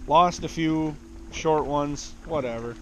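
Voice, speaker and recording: A man in his thirties chats to a close action camera from a small boat, plain-spoken and rambling. His voice sits a little high. Wind and lapping water are clearly heard around him. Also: takes it slowly, a little mellow. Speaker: fishing vlogger. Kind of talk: casual chat to camera. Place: small boat on a lake, outdoors, then inside a truck. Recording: wind and water noise outdoors.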